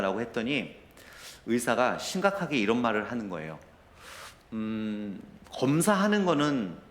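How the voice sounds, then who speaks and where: Korean pastor preaching in a roomy church. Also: male voice, medium pitch, a bit bright. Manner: storytelling, rising to emotional intensity. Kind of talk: sermon. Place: church sanctuary.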